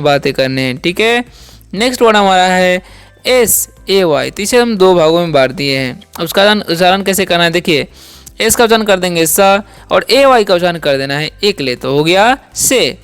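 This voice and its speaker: A man's voice: high voice, fairly bright tone, smooth. A man teaching English words as the host of a lesson channel. He speaks patiently, asks questions and answers them himself, and says "theek hai" often. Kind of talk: spoken language lesson.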